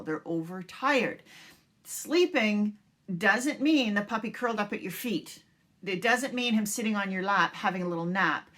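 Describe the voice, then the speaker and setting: A woman's voice: medium pitch, a bit bright. A woman dog trainer talking casually to puppy owners, reassuring and repeating her points with filler words. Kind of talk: casual instructional talk.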